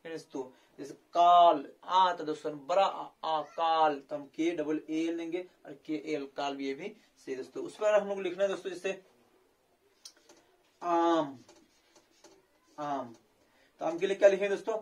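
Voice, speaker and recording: A man teaching a spelling lesson who keeps calling his viewers friends and draws out each sound as he spells it. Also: on the high side. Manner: addresses viewers as friends over and over, slow drawn-out spelling.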